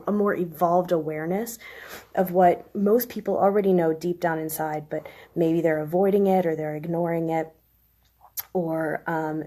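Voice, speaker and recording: A woman in her thirties with a chest cold, hoarse with a smoker's rasp, giving a halting, informal explanation on a live stream. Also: lowish voice, mellow. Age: 30s. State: chest cold, coughing and clearing throat. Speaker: live stream host, tarot reader. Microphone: phone.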